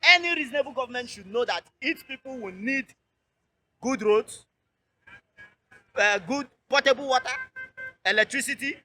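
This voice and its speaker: A man's voice: very high-pitched, expressive, normal speed, pauses often, bright, forceful tone, a little hiss or hum. A Nigerian man giving an impassioned roadside interview outdoors, driving his points home and repeating key phrases. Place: outdoors by a road.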